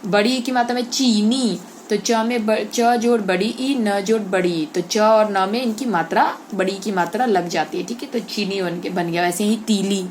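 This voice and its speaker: A woman's voice: mid-range voice, moderate pace, few pauses, darkish tone, slight background noise. A woman teaching a Hindi grammar lesson to children. She explains step by step, draws out vowel sounds to model them, and keeps checking in with her class.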